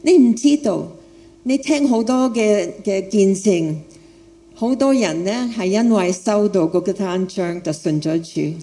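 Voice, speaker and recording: Mellow woman preaching in foreign-accented Cantonese. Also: mid-range voice, unhurried. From outside Hong Kong, a foreigner. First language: not Cantonese. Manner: repeats phrases for emphasis, asks the listeners questions. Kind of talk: sermon with personal testimony.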